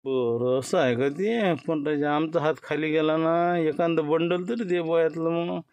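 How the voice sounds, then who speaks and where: Grumbling Varhadi thief, man plays him, slightly high voice, close dry mic. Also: moderate pace, darkish tone, no echo, lightly acted. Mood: haggling. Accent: Varhadi Marathi. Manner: grumbling, haggling. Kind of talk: village comedy sketch acting.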